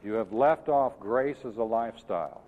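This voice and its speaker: A man with a lowish voice preaches a sermon at a moderate pace, animated as he teaches earnestly and emphatically and puts questions to his listeners. The sound is tinny and lo-fi, echoing in a reverberant hall.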